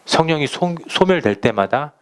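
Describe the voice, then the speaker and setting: A man preaching a sermon as pastor, speaking slowly and emphatically, and acting out little stories for his listeners. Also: on the high side, animated, fairly bright tone, smooth. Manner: emphatic preaching, slow deliberate phrasing, acting out anecdotes.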